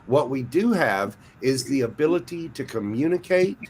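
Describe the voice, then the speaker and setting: A man's voice: mid-range voice, lively intonation, normal speed, a little hiss or hum, low-quality recording. A man in a casual group chat, explaining his view and listing points with emphasis. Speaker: chat participant.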